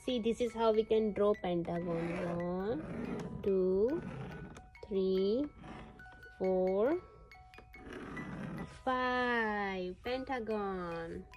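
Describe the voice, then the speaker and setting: A woman's voice: medium pitch, drawn-out words, pauses often, highs cut off, music in the background. A woman talking to a toddler in simple, encouraging words as if reading to one, teaching shapes and colors as a mother at play.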